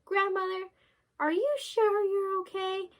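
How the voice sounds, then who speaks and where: A woman's voice: extremely high pitch, little pitch movement, unhurried, a bit bright, pitched above the performer's own voice. A woman voicing a polite, cautious little girl in a children's story. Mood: innocent.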